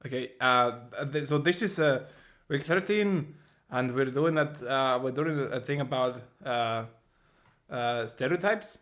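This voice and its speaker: A man's voice: mid-range voice, unhurried, fairly bright tone. A young man co-hosting a casual podcast chat, rambling with lots of fillers and frequent giggles. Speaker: podcast co-host.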